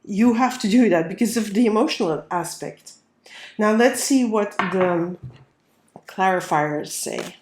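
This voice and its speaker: A woman with a cold speaks in a nasal, medium-pitched voice, animated but unhurried, over some background noise. She's giving a casual tarot reading, talking through each card as she lays it down.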